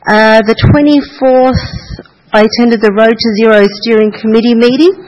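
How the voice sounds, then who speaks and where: A man's voice: extremely high pitch, normal speed, muffled recording, noisy background. A man, a councillor, reporting on community events in a hesitant way with many ums and restarts. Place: council chamber.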